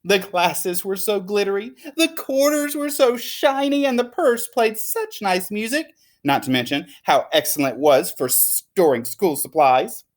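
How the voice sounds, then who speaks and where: A man who works as a teacher, reading a children's story aloud in an expressive, emphatic way. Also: high voice, measured pace, hardly any pauses. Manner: animated, emphatic.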